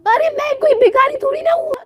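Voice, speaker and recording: Brief: a woman playing a cheeky young city bride, high, swooping cartoon voice, quick to take offence. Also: animated, a crowd in the background. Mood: indignant. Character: brash young city daughter-in-law, fashion-proud.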